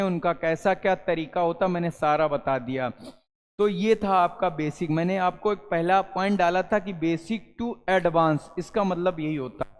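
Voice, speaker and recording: High-voiced male teacher in echoey hall. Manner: addresses viewers as children, asks and answers own questions. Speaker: English teacher. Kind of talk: classroom lesson at a whiteboard. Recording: long hall reverb.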